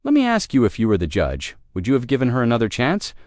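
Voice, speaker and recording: Animated male narrator, dry close sound. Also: mid-range voice, fast, no echo. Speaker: narrator and commentator. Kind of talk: scripted dramatic commentary.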